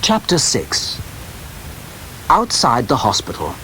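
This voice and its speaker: A man reads a story aloud at an unhurried, deliberate pace, his pitch rising and falling expressively. The sound comes from a worn cassette tape copy with a faint hiss underneath. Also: huge pitch swings, sharp tone, poor audio. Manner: slow, careful, clearly spoken reading. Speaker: audiobook narrator. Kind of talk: scripted audiobook narration.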